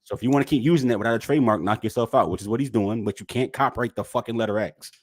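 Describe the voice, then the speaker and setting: A man co-hosting a casual podcast, talking emphatically, repeating his points and swearing, and getting loud and animated when excited. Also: mid-range voice, rapid-fire, husky. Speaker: podcast co-host. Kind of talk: casual chat.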